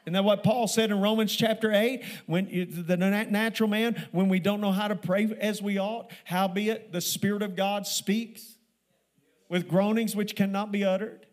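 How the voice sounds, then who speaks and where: A man preaching a sermon to a church congregation. He builds emphasis with repeated phrases and slows down to stress scripture. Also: high voice, steady tone. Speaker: pastor. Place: church sanctuary.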